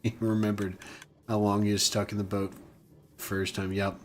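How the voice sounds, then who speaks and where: A man's voice: lowish voice, flat delivery, moderate pace, slight background noise. A man hosting a gaming channel, giving casual, goofy gameplay commentary as he plays. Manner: chatty, goofy and self-mocking.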